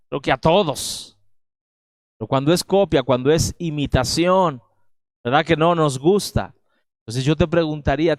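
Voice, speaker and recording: Speaking straight to his congregation, a Mexican-accented pastor delivers an emphatic sermon, frequently tossing in "¿verdad?". His voice is medium in pitch, and the recording has no echo.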